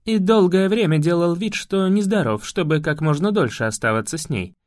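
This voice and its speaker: A man's voice: a little high, expressive, brisk, no room sound, clean studio sound, close to an everyday voice. A man reading an audiobook voices a lovelorn, stern male elf guardian, speaking in an earnest, grave way. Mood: wistful.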